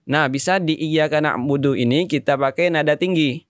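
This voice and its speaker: A man explaining recitation melody in a relaxed, friendly tutorial way. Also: fairly high pitch, normal speed, noisy background. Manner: relaxed, plain, speaks to viewers as friends. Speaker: recitation teacher.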